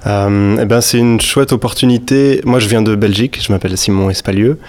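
A man's voice: fairly low pitch, a little fast. A man born in northern France, an actor, answering casually and informally in an interview. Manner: relaxed, informal.

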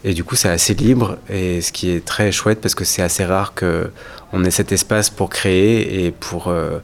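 A man's voice: sits low, fairly even intonation, measured pace, gravelly. A man from Paris, an actor, answering interview questions in a casual, eager way. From Paris, France. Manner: casual, enthusiastic.

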